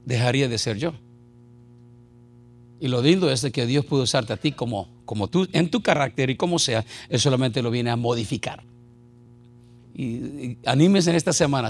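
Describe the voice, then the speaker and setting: A middle-aged man preaching an animated sermon full of jokes and anecdotes. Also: medium pitch, vocal fry. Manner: animated, jokey, shouts and laughs at times.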